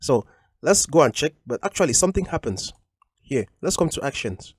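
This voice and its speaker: A man's voice: medium pitch, very animated, moderate pace, breathy edge, no echo, studio quality. A man teaching a coding tutorial over a screen recording, explaining patiently and repeating each point with frequent ums.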